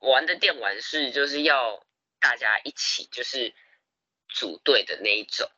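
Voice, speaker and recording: A young man, telling stories in a casual podcast chat, animated and laughing often. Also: mid-range voice, a little slow, no echo, lo-fi sound. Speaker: podcast co-host.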